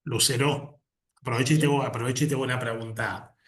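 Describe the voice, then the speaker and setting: A man's voice: medium pitch, fairly even intonation, fast. A male teacher on a video call, making a polite, hedging request. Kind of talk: online class talk.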